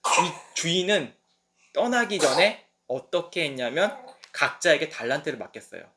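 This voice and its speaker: Lively, higher-voiced preacher man. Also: moderate pace. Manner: lively storytelling that acts out quoted voices. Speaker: pastor. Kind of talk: sermon at a midweek service.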